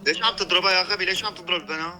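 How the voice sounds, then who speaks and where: Bright, rapid-fire young man. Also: sits high, fairly even intonation. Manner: insistent, pressing questions. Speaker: younger brother on a video call. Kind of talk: casual family banter.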